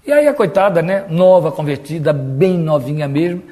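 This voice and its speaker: A man's voice: a little high, expressive, normal speed, dark tone. A Brazilian man preaching a Bible study in a conversational way, sometimes mimicking stiff, pompous prayer voices. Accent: Brazilian Portuguese. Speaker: pastor.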